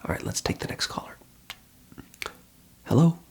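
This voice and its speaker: Whispering breathily in a slightly mellow voice, an ASMR host plays a call centre phone counsellor. The advice is reassuring and delivered without hurry.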